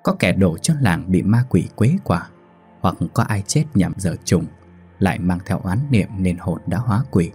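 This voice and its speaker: Low, husky man telling ghost stories. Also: normal speed, soft background music. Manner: steady, dramatic storytelling. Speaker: storyteller host. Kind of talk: scripted ghost story narration.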